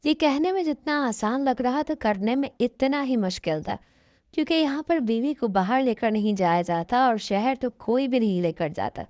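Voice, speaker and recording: A woman's voice: a little high, lively intonation, darkish tone, no echo. A woman narrating a first-person story in an earnest, plaintive way. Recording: dull lo-fi dry recording.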